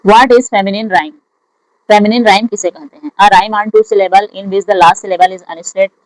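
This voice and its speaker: Teacher reading English exam questions slowly. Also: medium pitch, fairly even intonation, dry recording, rough recording. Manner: reads English questions slowly, explains in Hindi. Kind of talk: lecture solving exam questions.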